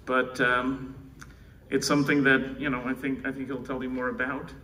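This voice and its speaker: Introducing his co-founder in a live conference keynote, a Czech man speaks conversationally with restarts and audience asides. His voice is mid-range, pushed and bright, level in tone, at a moderate pace. The distant mic in the large conference room catches faint room noise.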